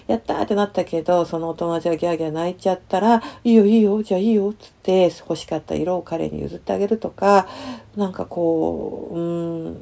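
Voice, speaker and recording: Gravelly middle-aged woman counselor musing. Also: fairly low pitch. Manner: soft, hesitant, with many fillers and lively sound words. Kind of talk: reflective personal storytelling.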